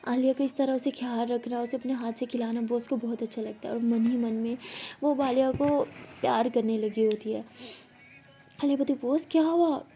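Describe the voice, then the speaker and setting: A woman's voice: fairly high pitch, fairly even intonation, normal speed, dark tone, faint music behind. A young woman casually telling a love story aloud, voicing the characters' dialogue herself with small shifts.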